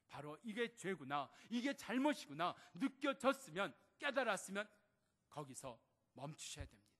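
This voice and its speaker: A man preaches with a bright, high voice that leaps up and drops low. He tells stories and acts out the quoted lines. His words ring out with a long reverb through a church hall. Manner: animated storytelling, acting out quoted lines. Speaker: pastor. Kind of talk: sermon. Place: church sanctuary.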